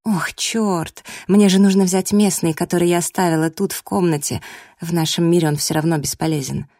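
A woman reading a first-person audiobook in a lively, expressive storytelling manner, close to the mic. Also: fairly low pitch, normal speed, dry recording. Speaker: audiobook narrator.

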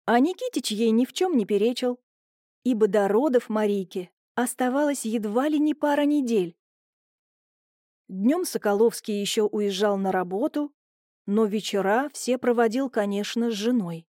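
Mellow, higher-voiced woman narrator. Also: normal speed, dry recording, clean studio sound. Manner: expressive, steady storytelling. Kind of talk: audiobook narration.

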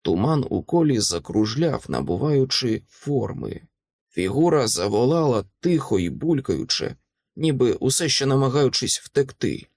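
A man's voice: mid-range voice, big pitch swings, measured pace, darkish tone, no echo, studio quality. A man narrating a first-person audiobook in a dramatic, tense reading.

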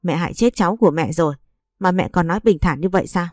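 A woman doing a hurt young wife, gentle, pleading, low mellow voice. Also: fast, dry recording, studio quality, soft background music, natural voice. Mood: tearful. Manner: tearful, pleading.

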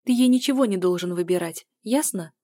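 A woman reading as a sharp-tongued young mother. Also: fairly low pitch, a little fast, no room sound, studio quality, lightly acted. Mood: indignant. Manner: cutting, indignant. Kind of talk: audiobook dialogue reading.

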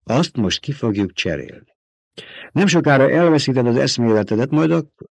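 Audiobook character: man voicing a high, feverish old traitor doctor, intimate and coaxing, dry close recording. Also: lively intonation, creaky, a little mellow, breathy edge, no echo.

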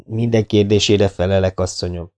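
A man's voice: low-pitched, fairly even intonation, darkish tone, clear, resonant tone, close to an everyday voice. A man reading an audiobook, voicing a friendly, polite middle-aged burglar with a courteous, chatty manner. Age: 40s. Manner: courteous, chatty, self-deprecating. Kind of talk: audiobook character voice.

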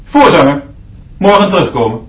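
Far from the mic, a man with a slightly high, very animated, fairly bright voice plays a hard, unbending new schoolteacher in a Dutch radio play. At a moderate pace, he sternly barks curt commands and punishments. The sound is a dull, noisy, echoey classroom heard from off.

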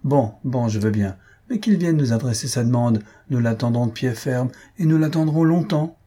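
A man reads aloud, voicing a grumpy, irritable older husband who blusters and shouts sarcastically. His natural voice is medium in pitch and slightly rough, at a moderate pace.

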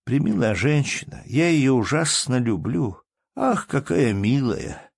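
A man's voice: medium pitch, big pitch swings, creaky, husky, dry recording, voice pushed up, exaggerated voice. A man doing a drawling, pompous old count. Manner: slow drawling tone.

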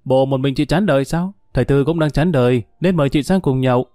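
A man doing a quick eager young underling. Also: mid-range voice, dark tone, no room sound, clean studio sound, close to an everyday voice. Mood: coaxing.

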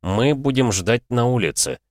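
A man voicing a calm, self-possessed male Interpol expert in an audiobook, measured and explaining. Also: mid-range voice, no room sound, studio quality, pitched above the performer's own voice, lightly acted.

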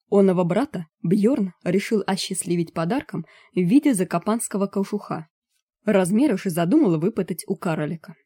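Female audiobook narrator, low mellow voice, dry close recording. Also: breathy edge, no room sound.

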